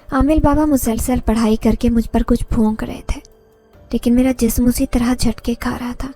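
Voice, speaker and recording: A woman's voice: on the high side, gravelly, dark tone. Woman horror storyteller, earnest, over faint background music. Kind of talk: first-person horror story narration.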